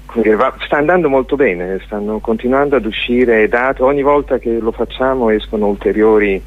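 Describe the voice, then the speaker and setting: Interviewed on radio, a male theatre and dance artist talks discursively about a show, often searching for his words. His voice sits at medium pitch and moves at a moderate pace. The recording is dry, coming over a narrow, tinny, phone-like line.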